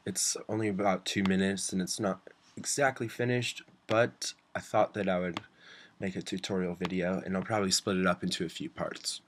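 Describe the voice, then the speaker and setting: Guy with a cold, deep stuffy voice, chill tutorial talk with ums. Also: steady tone, normal speed, a little hiss or hum. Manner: casual, with fillers like um. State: stuffy, under the weather. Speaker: music production tutor. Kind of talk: screen-recorded software tutorial.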